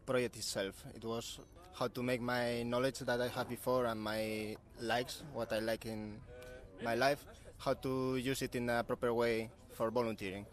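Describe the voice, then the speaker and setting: A man's voice: medium pitch, little pitch movement, moderate pace. A man in his late twenties from Asturias with a Spanish accent, searching for words as he answers interview questions. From Asturias, Spain. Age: late 20s. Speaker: guest volunteer.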